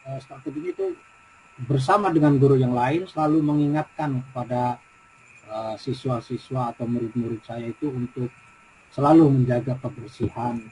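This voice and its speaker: A middle-aged man with a West Javanese Indonesian accent, a teacher in a coaching practice conversation, talking haltingly with many fillers and repetitions. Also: mid-range voice, animated, mellow, slight background noise, low-quality recording. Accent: Indonesian, West Java.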